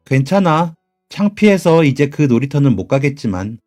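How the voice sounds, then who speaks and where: A little boy speaks in a raised, childlike voice with playful, grown-up jokes, as a man puts him on. Soft music plays underneath the narrated story. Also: a little high, sing-song, normal speed. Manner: playful, mature beyond his years. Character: small joking young son.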